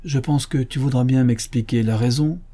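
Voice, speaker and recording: A man's voice: medium pitch, moderate pace, mellow, natural voice. A man voicing a brawling, boastful bandit who roars his defiance at the police. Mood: stiff protest. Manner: roaring, defiant.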